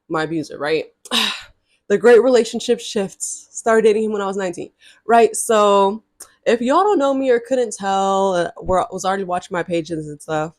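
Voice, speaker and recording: A woman in her early twenties vlogs a casual storytime to camera, chatty and sassy, often speaking straight to her viewers in asides. Her voice is mid-range, and there's no room sound.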